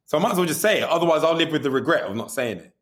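Being interviewed about directing music videos, a man talks candidly and very animatedly, often asking "you know what I mean" and swearing casually. His voice is a little high and he speaks very fast.

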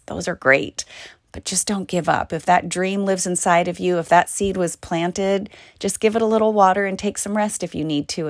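A woman's voice: lowish voice, no echo, clean studio sound. A middle-aged or older American woman hosting a casual, encouraging solo podcast, with slightly muffled sound from recording in a closet. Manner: encouraging, heartfelt. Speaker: podcast host, working actor. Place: small clothes closet at home, indoors.

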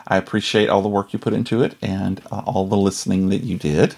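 A man's voice: sits low, little pitch movement, quick pace, creaky, darkish tone. A man hosting a podcast in a casual, chatty style. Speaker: podcast host.

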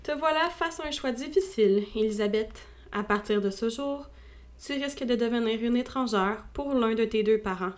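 A dry, placid older father from a storybook who speaks with calm indifference, as a woman reader puts him on. His words come out measured and unhurried. It is read aloud as part of a classic novel. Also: a little high, natural voice.

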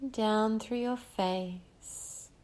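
A woman leading a guided breathing meditation, speaking in a slow, soothing way with long pauses between phrases. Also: medium pitch, fairly even intonation, darkish tone.

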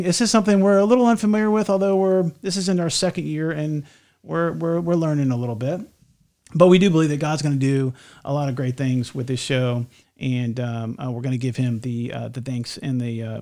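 A man's voice: on the high side, darkish tone. Joking, rambling male podcast host. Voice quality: slight lisp. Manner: rambling, self-correcting, joking. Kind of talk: casual podcast chat.

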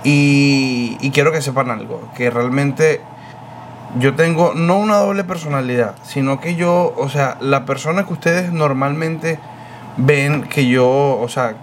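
A man's voice: mid-range voice, slight background noise. A man hosting a casual podcast chat, rambling and correcting himself as he goes. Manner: animated, rambling, self-correcting. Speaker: podcast host.

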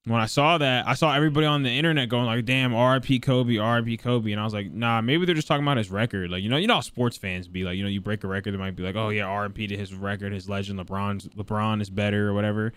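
A man's voice: on the low side, fairly even intonation, a bit bright, clean tone, no echo. A young man co-hosting a casual podcast, telling stories with a joking tone. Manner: fast, joking storyteller. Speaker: podcast co-host. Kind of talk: casual chat.

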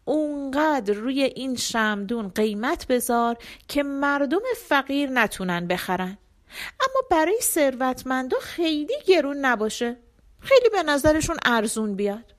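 A woman voicing a clever, caring queen in a storybook, giving brisk instructions. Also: high-pitched, very animated. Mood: scheming.

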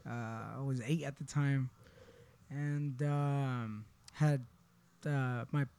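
A Honduran man in his twenties, appearing as a podcast guest in a barbershop, tells his personal story in a relaxed, casual way, often asking "you know what I mean." His mid-range voice is gravelly and warm, with a steady tone, slow delivery, and a clean sound.

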